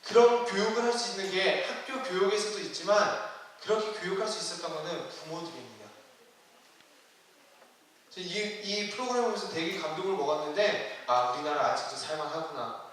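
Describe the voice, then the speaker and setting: A man delivers a sermon in a chatty, questioning style, his voice pitched high for a man. The sound is heavily echoey, with a long hall reverb, and he stands well away from the microphone. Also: fairly quick, a bit bright, a little hiss or hum. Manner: conversational preaching with questions to the congregation. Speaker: youth ministry preacher. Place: church sanctuary. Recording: roomy hall, distant mic.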